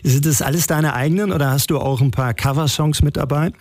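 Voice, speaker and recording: A man's voice: on the high side, fast talker, darkish tone, no room sound, clean studio sound. A man hosting a radio interview, asking friendly questions. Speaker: radio host.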